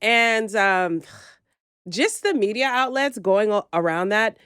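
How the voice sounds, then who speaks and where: A woman hosting a podcast, chatting casually in a slangy, animated way with quick asides. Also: medium pitch, smooth, no room sound, clean studio sound. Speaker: podcast host. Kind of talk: casual gossip chat. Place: lives in New York.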